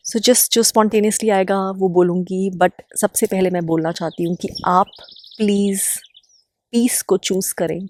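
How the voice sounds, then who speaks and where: A woman's voice: mid-range voice, darkish tone. A woman from India who hosts an inner-healing channel, giving a spontaneous, earnest self-help talk and repeating phrases for emphasis.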